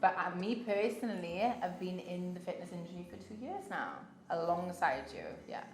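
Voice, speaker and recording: A woman's voice: fairly low pitch, normal speed, a little hiss or hum. A woman aged about thirty chatting casually as she answers interview questions. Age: 30s. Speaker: fitness coach. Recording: roomy, music behind.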